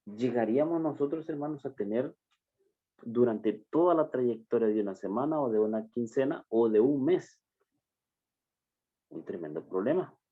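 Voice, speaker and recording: A man preaching a sermon, addressing the congregation as brothers and stressing phrases slowly and emphatically. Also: medium pitch, animated, breathy edge. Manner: slow, emphatic preaching with drawn-out words. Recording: dull lo-fi recording.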